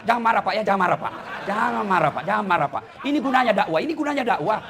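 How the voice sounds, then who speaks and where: A man's voice: high voice, expressive, racing, gravelly, a crowd in the background, noisy background. A man preaching a humorous sermon, teasing his listeners and often addressing them as "Pak". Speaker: preacher and lecturer.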